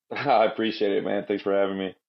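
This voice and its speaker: Laid-back man, low muffled voice. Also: level tone, a little fast, creaky. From Guatemala, raised in Southern California. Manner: laid-back, rambling, says man and like a lot. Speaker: podcast guest, Marine veteran. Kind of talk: casual interview storytelling.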